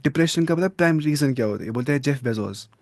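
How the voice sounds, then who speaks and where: A man giving a religious lesson. He reads passages of text slowly, then explains them in a relaxed, conversational way and often checks in with his listeners through tag questions. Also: medium pitch, vocal fry, dry recording. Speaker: religious studies teacher.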